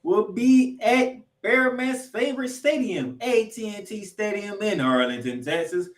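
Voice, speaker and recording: In announcer style, a male sports podcaster previews football and greets the audience as ladies and gentlemen. His voice sits high, with lively intonation at a measured pace, recorded with roomy echo and at a distance from the mic.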